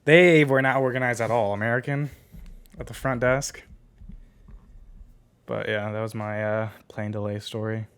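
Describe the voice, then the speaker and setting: A man's voice: fairly low pitch, steady tone, normal speed, long pauses, a bit bright, smooth. A man co-hosting a podcast, casually telling a rambling story full of filler words. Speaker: podcast co-host.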